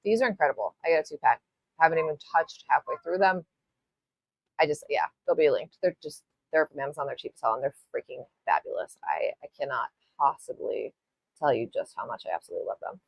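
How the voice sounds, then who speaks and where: A woman's voice: low-pitched, lively intonation, fast talker, gravelly, dry recording. A woman hosting a live nail art tutorial, chatting casually as she works, rambling, apologizing and swearing a little. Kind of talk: live-stream tutorial chat.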